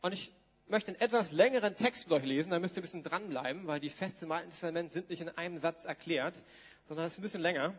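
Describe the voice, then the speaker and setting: Preacher, a man, casual with the congregation, high voice, big echoing church. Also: quick pace, husky. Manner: conversational, reads scripture aloud, talks to the congregation informally. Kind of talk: sermon with Bible reading. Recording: long hall reverb.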